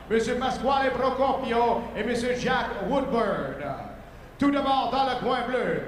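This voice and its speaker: High, booming hype-man fight announcer in echoing arena. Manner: brash fight promoter hype, drawn-out shouted introductions. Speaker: ring announcer. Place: large indoor fight arena. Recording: echoing arena PA, loud crowd noise. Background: crowd.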